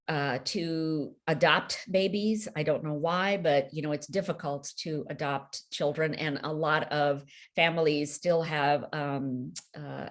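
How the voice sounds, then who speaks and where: A woman author being interviewed over a video call, telling a story in an animated way and acting out the voices of the people she quotes. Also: sits low.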